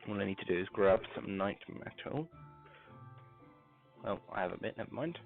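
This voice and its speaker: A low, gravelly male voice muffled as if through a wall, coming over a thin, phone-like mic. He talks softly and mumbles through his game, grainy when he keeps his voice down. Faint music plays underneath. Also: animated, normal speed. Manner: talks softly, mumbling to himself while crafting. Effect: muffled, as if talking through a wall. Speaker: game streamer. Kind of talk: casual live-stream gameplay commentary.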